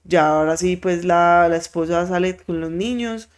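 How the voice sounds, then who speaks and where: Podcast host, lively storyteller who voices the characters. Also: mid-range voice, moderate pace, clear, resonant tone. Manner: animated, acts out quoted voices; frequent filler words.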